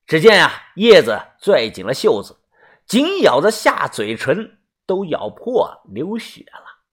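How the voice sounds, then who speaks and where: A man's voice: fairly high pitch, wildly swooping pitch, measured pace, husky. A man narrating a first-person audiobook story in a chatty way, padding phrases with little fillers.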